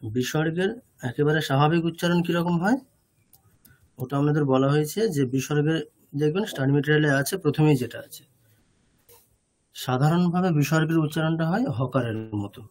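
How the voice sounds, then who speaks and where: A man's voice: fairly high pitch, brisk, pauses often, a little mellow. A man teaching an online class over a video call, explaining patiently and often stopping to check that his students follow.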